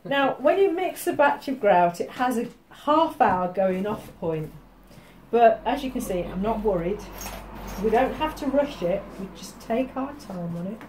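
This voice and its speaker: A woman's voice: a little high, animated, measured pace, darkish tone, slight background noise. A woman teaching a mosaic workshop, explaining each step in a chatty, joking way to the students around her. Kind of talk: hands-on demonstration to a class.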